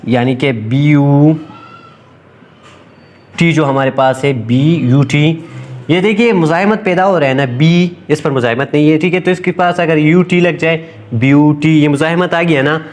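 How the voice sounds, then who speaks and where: A man giving an informal recorded English grammar lesson, hesitant, with many fillers and restarts, slowing down to dictate English sentences. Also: on the high side.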